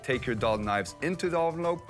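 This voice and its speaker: A man who grew up in Sweden pitches his company on television, answering questions in a halting way full of fillers. His voice sits at an ordinary middle pitch, with soft music running underneath. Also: expressive. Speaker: entrepreneur pitching on TV.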